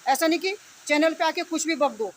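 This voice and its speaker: A woman who comments in online videos launches an unscripted, indignant tirade, scolding her opponents and confronting them with rhetorical questions and repeated phrases. Her voice sits high and she speaks a little fast. Steady background noise runs under the recording.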